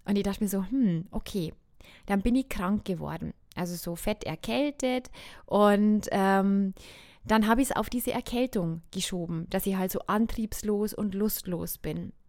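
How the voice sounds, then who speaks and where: A woman astrologer hosts her own podcast, chatting candidly on her own and laughing often, her nose slightly stuffed up from a cold. Her mid-range voice has a darkish tone and a measured pace, recorded in studio quality with no room sound.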